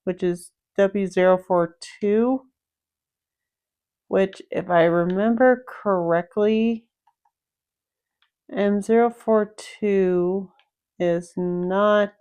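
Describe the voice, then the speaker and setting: Woman, gameplay walkthrough commentator, clear voice, slow easygoing explaining. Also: medium pitch, fairly even intonation, mellow. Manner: unhurried, explanatory, thinking aloud. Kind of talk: casual game walkthrough commentary.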